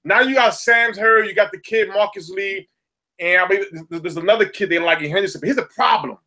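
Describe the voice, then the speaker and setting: With a Southern US accent and a high, pushed, bright voice, this man co-hosts a casual sports podcast at a fairly quick pace. He gets animated and rants, repeating words as his point builds.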